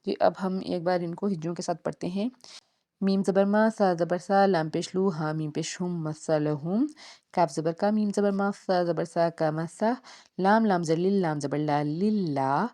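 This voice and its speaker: A woman with a mellow voice on the low side teaches the rules of Quran recitation in a tajweed lesson. She spells out each letter and vowel slowly and deliberately, syllable by syllable.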